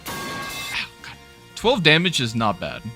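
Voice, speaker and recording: A young man giving casual, animated let's-play commentary, laughing and swearing often while playing. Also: fairly high pitch, slow, faint music behind. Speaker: gaming YouTuber. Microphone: new studio mic.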